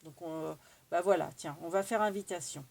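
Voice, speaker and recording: At normal speed, with vocal fry and a fairly low, slightly mellow voice, a craft tutorial host demonstrates a craft tool. She has a French accent and chats casually, thinking aloud as she works and using many fillers.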